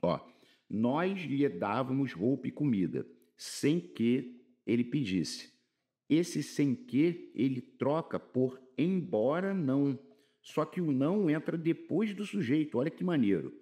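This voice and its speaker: A Brazilian man with a lively, swooping voice runs an informal exam-prep grammar lesson. He reads each example sentence slowly and pointedly, then explains it in quick, slangy asides. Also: medium pitch. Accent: Brazilian Portuguese.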